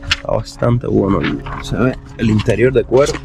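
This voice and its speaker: A man's voice: lowish voice, moderate pace, creaky. A man talking casually in a vlog, explaining things step by step in a conversational way, as someone who buys and resells used cars. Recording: noisy vehicle and outdoor ambience.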